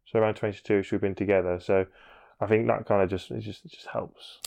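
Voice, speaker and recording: A man's voice: on the low side, fairly even intonation, a little fast, creaky, a little mellow, lo-fi sound. A young man, co-hosting a wedding podcast in casual, rambling chat. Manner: rambling, restarts, friendly. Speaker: podcast co-host, wedding videographer.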